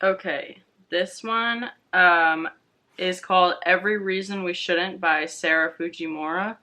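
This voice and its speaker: This young adult woman is a guest co-host on a book vlog, chatting casually about books with informal, tentative phrasing. Her voice sits on the low side, with a slightly slow pace and a sharp tone.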